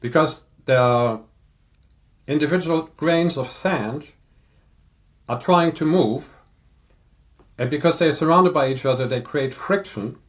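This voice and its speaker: An older man in a casual podcast chat, explaining audio equipment in a measured, technical way. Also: a little high. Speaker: audio reviewer guest.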